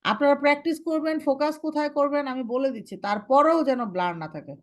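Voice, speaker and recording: A young woman teaching recitation to a class, giving firm instructions and slowly modelling how each sound should be read. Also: sits high.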